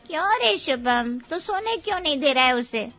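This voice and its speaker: A woman's voice: sits high, lively intonation, normal speed, bright, forceful tone, soft background music, exaggerated voice. A woman voicing a middle-aged mother who scolds and dotes on her children in a cartoon. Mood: scolding.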